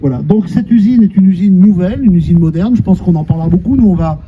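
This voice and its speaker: An animated, fast-talking executive with a high voice presents a water treatment plant to visitors on location. His informal, colloquial explanation simplifies technical points along the way. Background noise is heavy, and the sound is dull.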